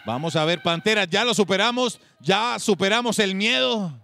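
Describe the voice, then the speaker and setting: Excitable, bright game show host man. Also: sits high, moderate pace, vocal fry. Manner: excitable, exclamatory, addresses viewers at home. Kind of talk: lively TV game show hosting.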